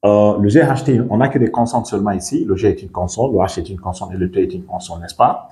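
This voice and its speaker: Deep-voiced teacher from Guinea, echoey room. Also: male voice, warm tone. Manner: repeats words slowly and asks "you understand me?". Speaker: English teacher. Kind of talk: bilingual language lesson.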